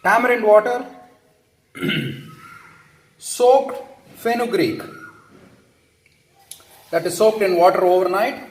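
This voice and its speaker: A man's voice: sits high, slow, pauses often, roomy sound. A man from India with an Indian English accent, casually explaining how he cooks at home and often checking in with "okay?". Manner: chatty, tags lines with "okay?", self-correcting. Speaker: home cook. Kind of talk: casual cooking tutorial. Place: home kitchen.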